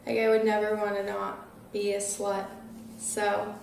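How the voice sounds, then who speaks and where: A woman's voice: medium pitch, completely flat delivery, a little slow, creaky, a little mellow, recorded from a distance, slight background noise. A nineteen-year-old woman answering interview questions casually, giggling and using lots of "like" fillers. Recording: very echoey room, voice off-mic.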